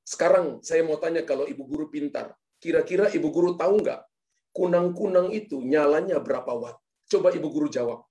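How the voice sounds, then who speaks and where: A man's voice: a little high, a little fast, dark tone, close to an everyday voice. A man doing an indignant, lecturing father. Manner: lecturing, challenging. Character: indignant father defending his son.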